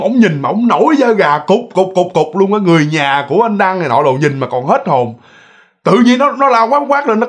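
A man with a Southern Vietnamese accent telling ghost stories in a chatty, repetitive way, talking straight to his listeners. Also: high voice. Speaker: ghost story narrator. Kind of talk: casual storytelling.

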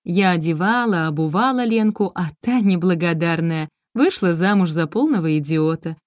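An icy, condescending middle-aged woman speaks in a low, unhurried voice, read out by a female narrator. She sounds bored and dismissive, and the recording is dry and close. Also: expressive, dry recording, natural voice. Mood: cold. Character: cold, haughty middle-aged woman, indifferent mother. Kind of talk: audiobook character reading.

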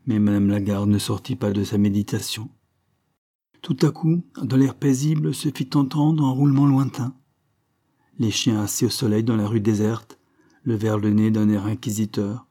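A man narrating a classic novel in a calm, measured audiobook reading. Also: mid-range voice. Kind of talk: scripted literary narration.

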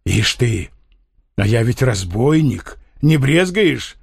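A man voicing a frantic, doomed male robber in an audiobook, wailing and pleading in a rough voice. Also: mid-range voice, sing-song, slow pace, darkish tone, no echo, clean studio sound, heavily acted. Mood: wild.

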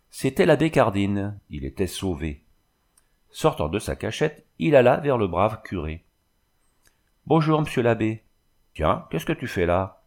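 A man reading a novel aloud in a measured, even storytelling manner. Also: fairly low pitch. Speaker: reader. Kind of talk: audiobook narration.

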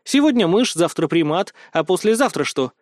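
A man voicing a small, feisty pigtailed female student who speaks in a shrill, heated way. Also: animated, moderate pace, no room sound, clean studio sound. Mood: furious.

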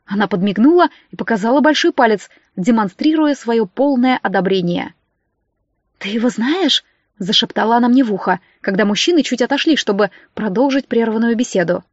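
A woman reads a story aloud with a fairly high voice, lifting her tone for each character in the dialogue. The recording is dry and a little muffled. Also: lively intonation, brisk, no echo. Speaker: audiobook narrator. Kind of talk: audiobook reading with character voices.

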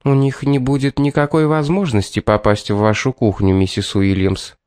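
A man voicing a composed, firm lady of the house who speaks in a measured way. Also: mid-range voice, little pitch movement, darkish tone, smooth, no echo, studio quality, lightly acted.

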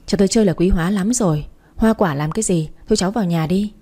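A woman reading the part of a stern, scheming older mother-in-law who lectures and warns, in a dark, mellow voice. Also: lowish voice, rapid-fire, lightly acted. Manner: lecturing, warning tone.

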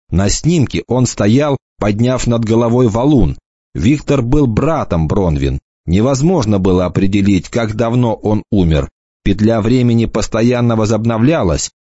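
Man, audiobook narrator, measured reading, lively intonation, dull dry recording. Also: on the low side, dry recording. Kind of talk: scripted narration.

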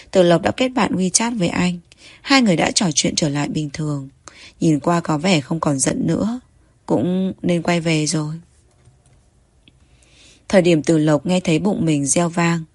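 Low-voiced woman reading a novel aloud. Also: a little mellow, no echo. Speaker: audiobook narrator. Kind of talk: scripted novel narration.

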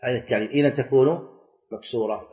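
A middle-aged man, teaching a class, reciting verses slowly and quizzing students with short questions. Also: medium pitch. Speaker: Islamic scholar teaching a class. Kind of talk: classroom lecture on Arabic grammar and scripture. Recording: echoey, dull lecture-hall recording.

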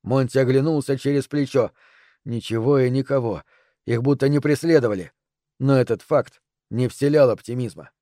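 A man narrating an audiobook in a steady, even reading voice. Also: mid-range voice, moderate pace, no room sound, studio quality.

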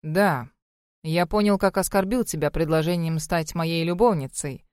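Женщина читает реплики сурового начальника, духа хаоса, ровным холодным тоном. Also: female voice, fairly low pitch, normal speed, dry recording, studio quality, lightly acted. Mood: cold. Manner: flat, curt, commanding. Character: cold, stern male chaos spirit boss. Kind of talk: audiobook reading.

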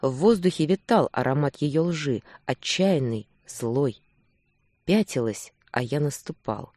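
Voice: mid-range voice, expressive, unhurried, darkish tone, no room sound, clean studio sound. An audiobook reader narrating a first-person romance with intense, emotional delivery.

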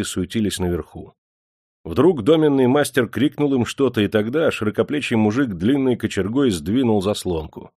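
A man narrates an audiobook in a steady, measured way. His voice is low and sounds close and dry, with no room around it. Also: no room sound.

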